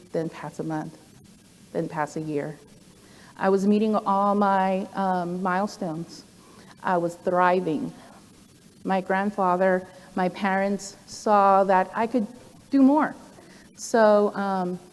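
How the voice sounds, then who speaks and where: A program director in her forties gives a personal presentation to an audience in a lowish, slightly mellow voice. She talks conversationally, often saying "um" and slipping in asides. A long hall reverb surrounds the recording.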